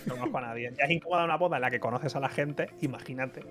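A man's voice: medium pitch, rapid-fire, over music. A man in his twenties from Spain, a podcast guest chatting casually, blunt and swearing freely as he acts out quoted people. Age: 20s.

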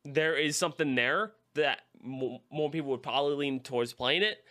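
A man's voice: a little high, moderate pace, bright, forceful tone. A man co-hosting a casual podcast, rambling through his opinions with lots of fillers. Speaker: podcast co-host. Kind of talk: casual chat.

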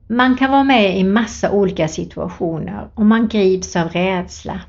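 A lay preacher gives an earnest devotional talk, reading Bible passages and plainly telling a personal story. Her mid-range voice has a darkish tone, in a dull lo-fi recording.

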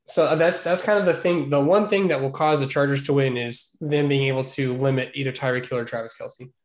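A man's voice: mid-range voice, fairly even intonation, fairly quick, roomy sound. A man co-hosting a casual podcast chat, talking in a loose, playful way with joking asides. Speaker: podcast co-host.

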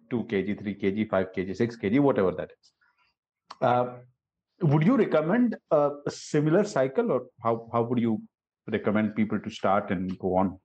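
A man's voice: lowish voice, mellow, muffled recording. A man with an Indian accent hosting a casual conversational interview, asking questions and commenting. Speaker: interviewer, host.

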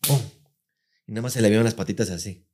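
A Mexican man tells a story in rapid, casual chat, jumping up into higher voices whenever he acts out what people said. His voice is dark and mellow, and his talk is packed with slang. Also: a little hiss or hum. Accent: Mexican Spanish. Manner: animated, acts out quotes in raised voice, heavy slang. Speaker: podcast co-host.

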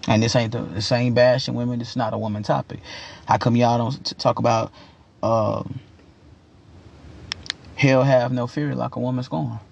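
A young man with a gravelly voice giving a casual, opinionated rant in a slangy, rambling, emphatic way, repeating his phrases. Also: medium pitch, level tone, moderate pace, pauses often, a little mellow, dull audio, slight background noise. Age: young adult. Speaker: commentator giving personal opinions.

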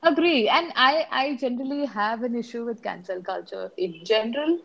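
Creaky, higher-pitched Indian woman, casual film talk. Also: animated, normal speed, lo-fi sound. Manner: opinionated, switches between English and Hindi. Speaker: podcast co-host discussing films. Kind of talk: casual conversational film discussion.

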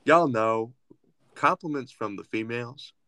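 A man's voice: mid-range voice, measured pace, fairly bright tone, dry recording. A man co-hosting a comedy talk show, speaking in a pompous, mock-formal, old-timey way. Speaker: podcast co-host. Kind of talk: comedic banter.

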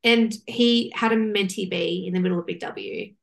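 A woman's voice: mid-range voice, moderate pace, gravelly. A woman, co-hosting a casual chat show and telling a long, candid, rambling story. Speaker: podcast co-host.

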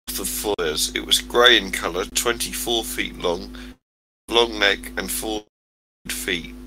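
A man's voice: on the low side, pushed and bright, a little hiss or hum. A man reading out a list of sightings over a voice call while his voice keeps cutting out from sitting too far from the mic. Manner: reads dates and details in a plain listing way. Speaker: panelist. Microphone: distant mic on a voice call.

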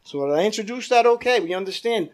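A male preacher with a very high-pitched voice delivers a church sermon. He stresses and draws out his key phrases, addressing his listeners directly and seeking their agreement. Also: expressive, fast. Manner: calls for amens from listeners.

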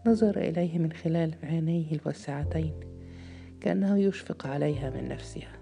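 Female storyteller; steady, measured narration, dark tone, faint music underneath. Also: low-pitched, gravelly.

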